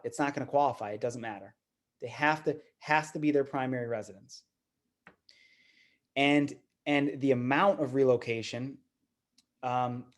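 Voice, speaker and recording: Man, seminar speaker, conversational, mid-pitched voice, fillers and repeats. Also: darkish tone. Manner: conversational, repeats words, fillers like "you know". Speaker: guest speaker at investor meeting. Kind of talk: casual seminar talk.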